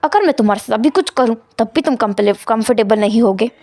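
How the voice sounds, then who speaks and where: A woman voicing a cold, possessive young husband who speaks in short, flat commands. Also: on the high side, quick pace, dry recording, natural voice.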